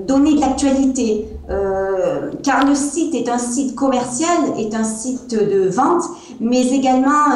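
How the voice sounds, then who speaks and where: A hesitant Provençal-accented woman from France, a wine-selling guest, answers interview questions over a video call with many fillers. Her voice is on the high side and darkish, picked up by earbuds in a small room at home that gives the audio an echoey sound.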